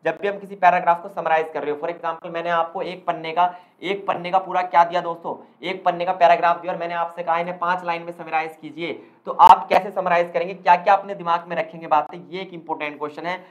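A man's voice: fairly high pitch, flat delivery, fast talker, hardly any pauses, muffled recording. A man tutoring students for an exam, speaking emphatically, repeating key points and mixing in terms. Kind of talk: exam revision lesson.

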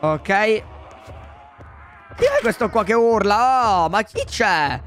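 A young man commenting on a video game for his viewers, excitable and full of exclamations. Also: sits high, takes it slowly, over music. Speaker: gaming YouTuber. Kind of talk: Let's Play commentary.

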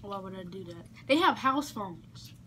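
A young prank-call vlogger chats bluntly and teases in casual, joking banter, with the camera on her bed at arm's length. Her mid-range voice is expressive and a bit bright at a moderate pace, and the home camera audio is noisy.

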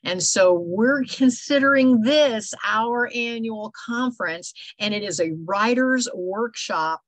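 A woman's voice: on the high side, slow, dry recording, rough recording. An older woman, hosting a casual video call meetup, chatty and rambling with lots of fillers. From Ohio. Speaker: host. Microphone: video call microphone.

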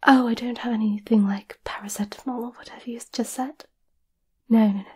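A woman doing a whispered role-play as a gentle, caring witch, soothing and a little hesitant, close to the microphone. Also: on the high side, fairly even intonation, brisk. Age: 20s. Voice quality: breathy whisper. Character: gentle, caring centuries-old witch offering potions. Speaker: ASMR performer. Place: small candlelit indoor room.

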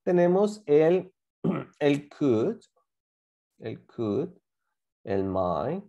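A man's voice: fairly high pitch, big pitch swings, extremely slow, creaky, muffled recording. A man teaching a class, patiently explaining grammar and repeating examples while asking students to join in. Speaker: English teacher.

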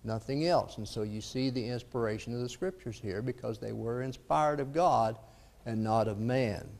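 A man's voice: medium pitch, moderate pace, vocal fry, darkish tone. A male preacher gives a Bible lesson in a church, reading scripture aloud with rising emphasis. He then explains the passages in a plain teaching voice, with an occasional "uh" between thoughts. His mid-range voice rings with the long reverb of the hall. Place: church auditorium.

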